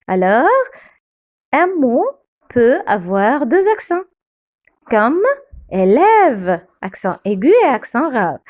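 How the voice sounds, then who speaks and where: A woman teaching beginner French pronunciation, saying each word slowly and repeating it several times. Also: sits high, a little mellow.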